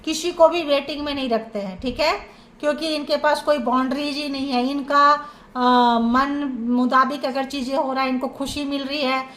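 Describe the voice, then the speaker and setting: A woman with a high voice gives a tarot reading for her viewers. She stresses her points and stacks short repeated phrases one after another. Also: fairly even intonation, moderate pace, fairly bright tone. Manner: emphatic, listing feelings in short repeated phrases. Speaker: tarot reader.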